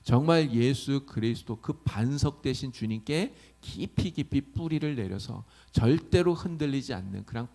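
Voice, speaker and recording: A man's voice: mid-range voice, a little mellow. A male pastor preaching a sermon, often asking the congregation questions.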